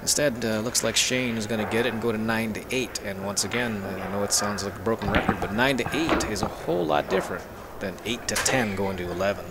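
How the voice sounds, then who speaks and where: A man's voice: on the low side, fairly quick, heavy background noise. A man commentating a pool match on a live stream, chatty and joking, telling anecdotes between shots.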